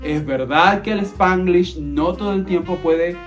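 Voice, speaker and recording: A woman with a Venezuelan accent talks through a casual English lesson. She is playful and chatty and sprinkles her explanations with local slang. Soft guitar music plays faintly behind her. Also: on the low side, a little slow. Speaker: English teacher.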